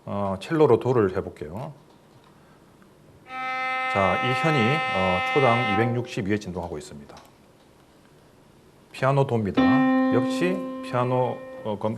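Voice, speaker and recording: Man, middle-aged, lecturing, lowish voice, patient explainer, asks questions. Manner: plain explanatory, fillers, asks questions to listeners. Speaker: professor giving a lecture. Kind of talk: recorded medical lecture.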